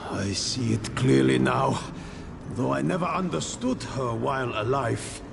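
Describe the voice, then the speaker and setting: A man voicing a tormented, remorseful ghost of a squire in a video game, pleading and halting with a gravelly voice. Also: mid-range voice. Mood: sorrowful. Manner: anguished, halting, pleading delivery. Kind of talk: dramatic video game voice acting. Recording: long ghostly reverb, noisy ambience.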